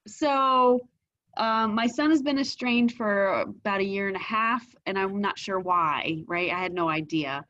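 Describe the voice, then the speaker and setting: A woman in her forties, a qigong student, telling a personal story candidly and haltingly in a group class, with soft laughs. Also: mid-range voice, lo-fi sound.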